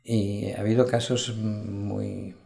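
A man's voice: fairly low pitch, little pitch movement, slow pace, gravelly, mellow, soft background music. A man preaching a sermon in an earnest, reflective way, often checking in with his listeners. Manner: earnest, reflective, frequent "¿verdad?" asides.

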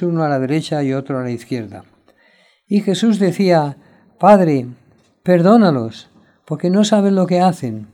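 Preacher, male, higher-pitched, mellow voice, reads scripture with rising intensity. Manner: reads scripture aloud, swelling louder on quoted cries. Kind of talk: sermon with scripture reading.

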